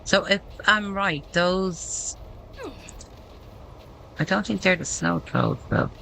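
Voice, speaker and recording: Slow, gravelly woman commenting on gameplay. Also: fairly low pitch, wildly swooping pitch, a bit bright, slight background noise, low-quality recording. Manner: thinks aloud, reads menu text aloud.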